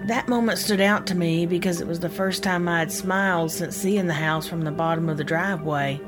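A woman's voice: lowish voice, fairly even intonation, a little fast, music in the background. A middle-aged woman, telling a scripted personal story in a folksy, descriptive way as a podcast host. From United States (Indiana, Kentucky). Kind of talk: scripted personal narration, ghost story memoir.

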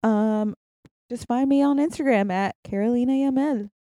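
A woman's voice: fairly high pitch, moderate pace, dark tone, dry recording. A woman guesting on a podcast, playful and giggly in casual chat.

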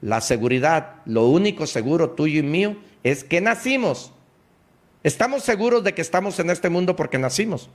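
A man's voice: a little high, animated, normal speed. A man giving a preachy, emphatic motivational radio talk, speaking straight to the listener.

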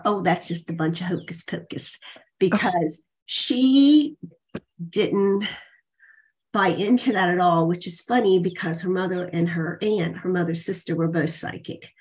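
An American woman talking conversationally about her life as an interview guest, often pausing mid-sentence. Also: lowish voice, poor audio. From United States.

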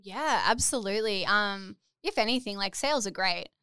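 A woman's voice: mid-range voice, expressive, normal speed, bright, forceful tone, smooth, dry recording. A woman in her thirties with an Australian accent, chatting informally and cheerfully as a podcast guest. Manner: upbeat, friendly and informal. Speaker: podcast guest and business founder. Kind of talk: casual interview chat.

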